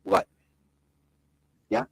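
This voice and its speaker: A man in a casual group call whose voice comes through a glitching mic that makes it sound robotic and metallic, talking in a halting, confused way. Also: no echo, clean studio sound. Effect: robotic, glitching online mic. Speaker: podcast co-host.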